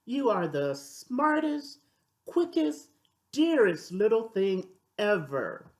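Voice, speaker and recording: A woman's voice: mid-range voice, very animated, slow, a little mellow. A woman reading the part of a loving, wise old grandmother from a storybook, tender and reassuring.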